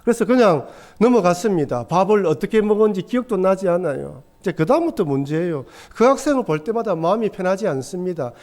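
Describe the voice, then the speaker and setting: A man's voice: high-pitched, a little mellow. A middle-aged man, a pastor, preaching a sermon in a church with earnest storytelling. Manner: earnest storytelling, acts out quoted voices. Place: church sanctuary.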